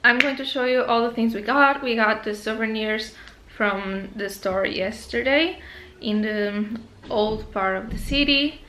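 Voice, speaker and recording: Speaking at an unhurried pace, this young woman has a fairly high, bright voice with a forceful edge and a Portuguese accent. She's a travel vlogger talking chattily to a handheld camera at arm's length in a hotel room and her living room, often getting sidetracked. Slight background noise can be heard.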